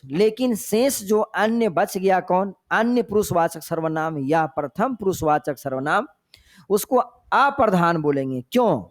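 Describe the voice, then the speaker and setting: A high-pitched man with a Hindi accent from Jharkhand teaches grammar for a competitive exam. He speaks at an unhurried, measured pace. He goes over each point twice and keeps telling his students to pay attention. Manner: slow and repetitive, often tells students to pay attention. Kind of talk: exam-prep lecture.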